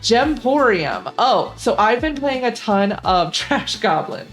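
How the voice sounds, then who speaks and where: A woman's voice: on the high side, big pitch swings, slow, faint music behind. A young woman hosting a gaming channel, chatting casually and rambling with lots of fillers about games she likes. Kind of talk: casual gaming vlog commentary.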